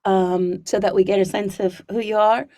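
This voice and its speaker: A woman's voice: medium pitch, fairly even intonation, moderate pace, warm tone, dry recording, studio quality. A woman hosting a casual call interview, hesitant and laughing, with many fillers. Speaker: host.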